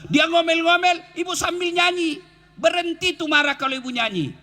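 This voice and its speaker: Brief: male preacher, high and bright, playful outdoor sermon song and jokes. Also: normal speed. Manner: joking, lively, breaks into song. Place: outdoor field gathering.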